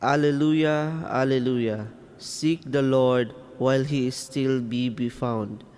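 A man reads scripture at Mass in a slow, reverent way, one phrase at a time. His voice sits at a middle pitch. A long cathedral-like echo trails each phrase. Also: steady tone, darkish tone, smooth. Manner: measured, reverent, phrase-by-phrase delivery. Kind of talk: solemn scripture reading. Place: inside a church.

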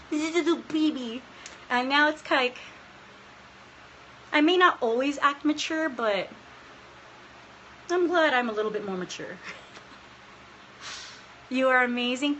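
Woman in her 30s chatting to fans on a phone stream, bright and a bit high, earnest, teary and laughy, faint hiss behind. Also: rough recording. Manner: emotional and earnest, laughing often, near tears. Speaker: livestream host answering fans. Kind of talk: casual livestream Q&A. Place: indoors, small room. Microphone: phone held close, front-facing.

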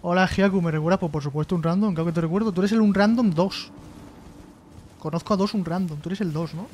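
High-voiced streamer chatting. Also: male voice, fast talker, darkish tone, a little hiss or hum. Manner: joking, reads chat messages aloud and replies. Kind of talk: casual live-stream chat.

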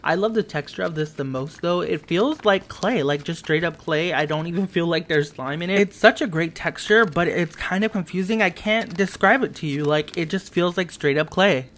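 A man's voice: on the high side, moderate pace, hardly any pauses, a bit bright. A man chatting enthusiastically in a casual voice-over as he shows off and reviews slimes. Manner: enthusiastic, gushing, upbeat. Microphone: voice-over over tabletop footage.

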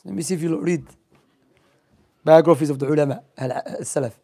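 In a small indoor library room, a young religious teacher talks into a close-set gooseneck microphone during an informal Islamic lesson full of stories and quiz questions. His voice is on the high side, mellow and husky, and fairly quick. He speaks non-native English sprinkled with Arabic terms.

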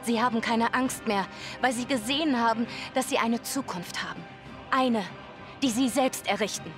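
An actress playing a steadfast young fantasy heroine in a video game, speaking with solemn, earnest resolve. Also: female voice, fairly high pitch, moderate pace, music in the background, lightly acted. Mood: earnest, defiant. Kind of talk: dramatic video game acting.

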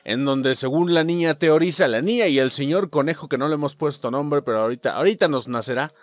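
A man with a Mexican accent commentating a video game as host, excitable and swearing, shouting at the game. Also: a little high, fast, dry recording. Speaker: gaming channel host. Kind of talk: let's play commentary.

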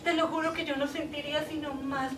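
Brief: actress playing a desperate jilted woman on a phone call, high voice, stage echo heard from afar. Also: little pitch movement, brisk, close to an everyday voice. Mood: pleading. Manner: emotional, swings between tender pleading and desperate outbursts. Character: heartbroken woman pleading with her departing lover by phone. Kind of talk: stage monologue acting. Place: theater stage. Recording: echoey stage from far off, audible noise.

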